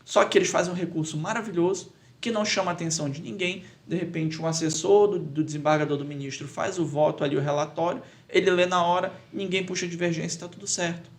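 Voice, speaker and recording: A man, a lawyer and public speaking teacher answering as a podcast guest, talking emphatically and getting loud when he acts out a courtroom plea. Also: fairly high pitch, steady tone, quick pace, hardly any pauses. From Pará, Brazil.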